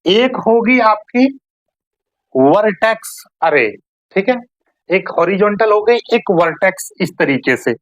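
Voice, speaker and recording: A woman's voice: medium pitch, lively intonation, a little slow, no room sound, poor audio. Dry-voiced woman teaching math. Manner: asks questions and answers them herself, often checks understanding. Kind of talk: classroom-style lesson.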